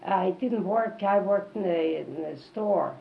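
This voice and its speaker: An elderly woman reminisces in an interview, halting and repeating phrases for emphasis. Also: mid-range voice, vocal fry. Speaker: oral history interviewee. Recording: dull, lo-fi tape with faint noise.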